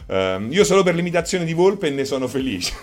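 A man chatting casually on a live stream, joking with viewers and doing squeaky animal imitations. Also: fairly quick. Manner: animated, jokey, breaks into high squeaky fox imitations. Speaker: streamer host.

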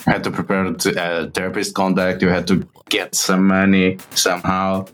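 A man narrating a tabletop role-playing game as game master, describing scenes in a measured way. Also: deep voice, completely flat delivery, a bit bright, a little hiss or hum, rough recording.

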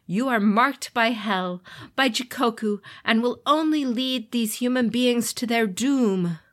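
A woman's voice: a little high, slow pace, pitched above the performer's own voice. Imperious male god-king, as a woman puts him on, solemn, commanding, raised voice, storybook.

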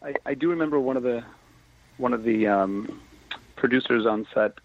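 A man's voice: medium pitch, normal speed. A man, an actor who is a guest on the show, chatting animatedly in a casual interview, often laughing and acting out quoted exchanges. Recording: tinny phone-line remote audio, dry.

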